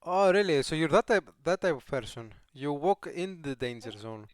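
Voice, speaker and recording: A man from Greece, coaching a player in a friendly, unhurried way with pauses and fillers. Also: a little high, lively intonation, no room sound, studio quality. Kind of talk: casual coaching chat.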